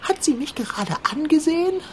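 A woman's voice: sits high, lively intonation, a little fast, background noise. A woman voicing a fat, anxious, fussy pet tomcat in a radio play, theatrical and easily frightened. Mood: nervous.

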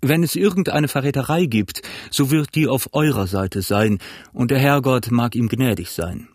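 A man's voice: mid-range voice, moderate pace, a little mellow, no room sound, clean studio sound, lightly acted. A man voicing a stern, wary ship's captain who gives curt orders in an audiobook. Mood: cold. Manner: curt, commanding. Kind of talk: audiobook character voice.

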